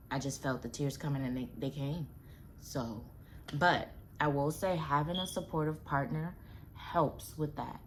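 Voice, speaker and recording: A woman's voice: low voice, slight background noise. A young adult woman and new mother giving casual, reassuring advice to camera in a chatty, slangy way.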